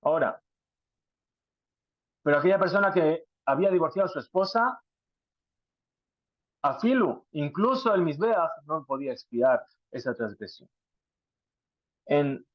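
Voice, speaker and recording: Male Talmud teacher, slightly high voice, questioning style, dry muffled recording. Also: no room sound. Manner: rhetorical questions, explains Hebrew terms. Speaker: Torah teacher. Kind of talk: Talmud class lecture. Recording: dry, dull lo-fi sound.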